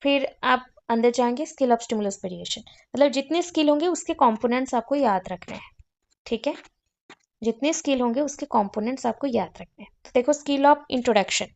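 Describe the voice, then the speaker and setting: A woman teacher lectures at an easy explanatory pace, often repeating key terms and slipping into English phrases. Her voice sits a little high but sounds mellow and warm. The recording is dry and close, with a dull, muffled quality. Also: moderate pace. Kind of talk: online lecture.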